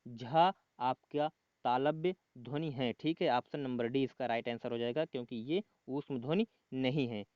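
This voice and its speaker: A man running through exam quiz answers at a steady middle pitch, restating each answer and filling gaps with "okay". The recording is dry and slightly muffled, like a cheap home mic. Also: normal speed, no echo. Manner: repeats the answer, frequent filler "okay", clears throat. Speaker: exam-prep tutor.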